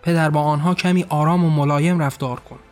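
A man voicing a calm, gentle male son figure who pleads for mercy toward others. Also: fairly high pitch, faint music behind, lightly acted. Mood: pleading.

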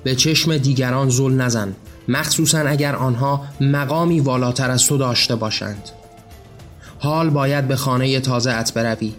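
A man's voice: mid-range voice, natural voice. A man reading a story aloud, voicing a stern male warden who lays down the rules in a harsh, commanding way, with faint music behind.

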